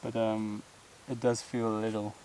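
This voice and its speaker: A man's voice: on the low side, completely flat delivery, moderate pace, dark tone, slight background noise. Breathless man vlogging on a hiking trail. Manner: rambling, loose, with frequent fillers and laughs. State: out of breath from climbing. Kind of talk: casual talk to camera while hiking. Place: outdoors on a hillside trail. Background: buzzing insects.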